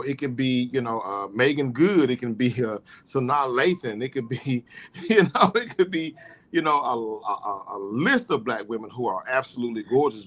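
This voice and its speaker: A man's voice: mid-range voice, a bit bright. A man hosting a podcast in casual chat, rambling with lots of "you know" fillers. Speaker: podcast host.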